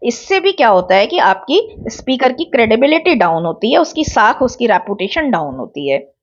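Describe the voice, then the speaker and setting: A woman's voice: a little high, big pitch swings, moderate pace, lo-fi sound. A young woman, teaching an online exam-prep lecture and explaining terms with examples. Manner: explains terms with examples, mixing English words into Hindi.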